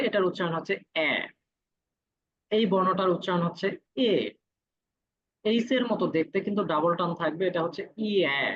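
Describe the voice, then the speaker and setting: Guy teaching a class online, husky voice, dull muffled sound, says every vowel twice. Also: high voice. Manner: patient, repeats each vowel sound slowly. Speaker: Korean language teacher. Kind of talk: classroom lesson.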